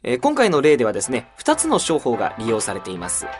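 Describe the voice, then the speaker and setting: A man from Saitama, Japan, hosting a book podcast, introducing a new title in a chatty, animated way with frequent fillers. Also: mid-range voice, fast, faint music behind.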